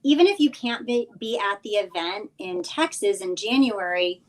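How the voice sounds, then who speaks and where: With lively intonation and a moderate pace, a woman coaches informally as a guest sponsor on a remote livestream, explaining specifics and pushing listeners toward action. Her voice sits at medium pitch, and the recording is rough.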